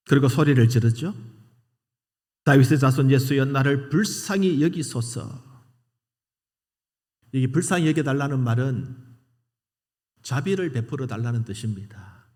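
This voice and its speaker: A male pastor delivers a sermon in a dramatic storytelling manner at a middle pitch. His voice rings with a long reverb through a church sanctuary. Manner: dramatic storytelling with loud quoted cries.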